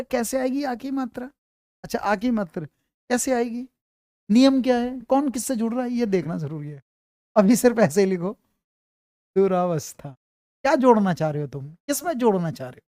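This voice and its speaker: With a high, mellow voice, a man teaches grammar in an online lecture, repeating key points and frequently asking if students follow. He calls them "beta" to put them at ease, and the studio-quality recording has no echo.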